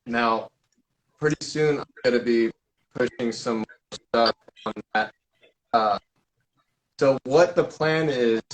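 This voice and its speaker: Male host for a casual live stream, mid-pitched, halting and full of fillers. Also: slight background noise, low-quality recording. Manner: rambling, halting, with many fillers and restarts. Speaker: paranormal investigator hosting a live Q&A.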